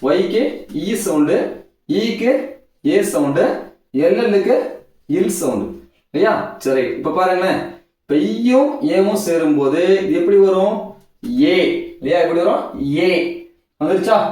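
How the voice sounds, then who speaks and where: A man's voice: high voice, darkish tone. A man teaching English pronunciation, drilling sounds in a repetitive call-and-answer way. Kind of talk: classroom-style phonics lesson. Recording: very echoey room, voice from far off.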